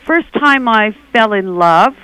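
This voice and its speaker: A woman's voice: fairly high pitch, lively intonation, takes it slowly, sharp tone, smooth, low-quality recording. A woman from Canada, a travel writer, speaking as a guest in a radio interview in a bubbly, enthusiastic way.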